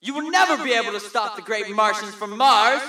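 A man's voice: sits high, fairly quick, lightly acted. A man voicing an angry, boastful Martian king who broadcasts grandiose threats to Earth. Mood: menacing. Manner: bellowing, grandiose. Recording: roomy, distant, noisy transmission.

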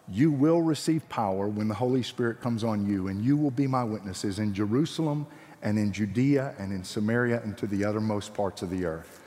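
A man's voice: medium pitch, a little mellow. A man with a Georgia Southern accent preaching to students as a guest missionary speaker, earnest, encouraging and plain-spoken. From Georgia, United States. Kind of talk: sermon to students with scripture readings. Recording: echoey hall with long reverb.

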